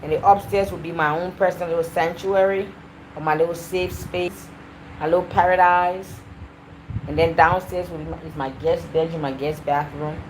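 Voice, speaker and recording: A woman hosting a casual livestream, chatty and animated as she talks straight to her viewers. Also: on the low side, normal speed, a little hiss or hum, rough recording. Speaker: livestream host. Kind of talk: casual live-stream chat.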